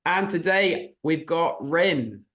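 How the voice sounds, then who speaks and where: A man's voice: fairly high pitch, expressive, slow pace, fairly bright tone. A man hosting a casual interview, feeling his way through loosely phrased questions. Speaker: host, interviewer.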